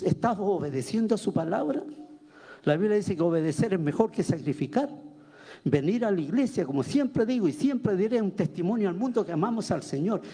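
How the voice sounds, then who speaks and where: A man's voice: sits high, warm tone, husky. A man preaching a sermon as pastor, firing rhetorical questions at the congregation. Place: church.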